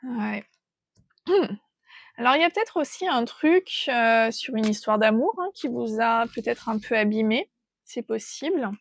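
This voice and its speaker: A woman giving an intuitive tarot reading, thinking aloud in a gentle, hesitant way as she feels out the cards. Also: a little high, expressive, measured pace. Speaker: tarot reader.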